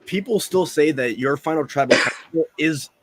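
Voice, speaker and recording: A man's voice: fairly high pitch, normal speed, slightly rough. A man in his early thirties, a podcast co-host asking long, rambling, enthusiastic questions. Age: 30s. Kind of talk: casual podcast chat.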